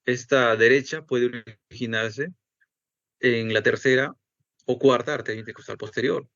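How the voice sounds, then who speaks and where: A man's voice: medium pitch, steady tone, normal speed, fairly bright tone, no room sound. A man teaching an anatomy lesson step by step and asking himself the students' questions. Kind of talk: recorded anatomy lecture. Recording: dull, lo-fi dry recording.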